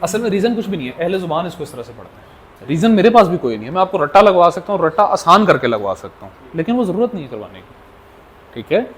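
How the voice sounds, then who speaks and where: A man's voice: high voice, sing-song, fast, fairly bright tone, slight background noise. A man teaching a language class as the lecturer. He repeats questions back to his students and drills the answers. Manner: addresses the class as children. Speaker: Arabic teacher.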